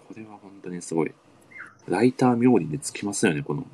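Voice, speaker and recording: A man's voice: low-pitched, lively intonation, brisk, mellow. A man hosting a casual online radio chat, eager and full of admiring interjections. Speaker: podcast host.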